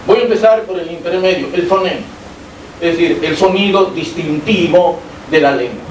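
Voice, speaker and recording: A man's voice: high-pitched, moderate pace. A man from Peru with a Peruvian Spanish accent gives an academic lecture as a university lecturer. He explains things step by step and keeps checking in with his listeners through rhetorical questions. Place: lecture hall. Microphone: amplified by a sound system, recorded from the room. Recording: echoey hall, distant mic, faint hiss.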